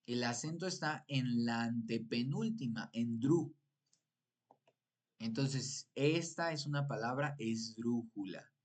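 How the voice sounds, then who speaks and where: A man's voice: mid-range voice, measured pace, few pauses. A man teaching a live-streamed exam prep lesson, explaining patiently and prompting viewers with repeated questions. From Mexico.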